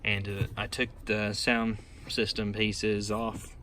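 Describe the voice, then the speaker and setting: A man speaks slowly in a lowish, monotone voice with a sharp edge, giving an unscripted hands-on installation guide from a pickup truck's cab. As a DIY presenter, he points things out step by step on a noisy handheld recording made in the vehicle.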